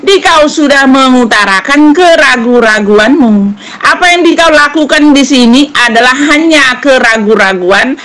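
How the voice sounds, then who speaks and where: A woman debating forcefully over phone voice notes, pressing her point and repeatedly asking "okay?". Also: sits high. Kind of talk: voice-note debate.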